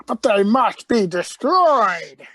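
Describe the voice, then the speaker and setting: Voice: medium pitch, sing-song, takes it slowly, a bit bright, dry recording, exaggerated voice. An actor playing an eccentric, defiant space-travelling Doctor in a radio play, urgent and given to repeating phrases. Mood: insistent.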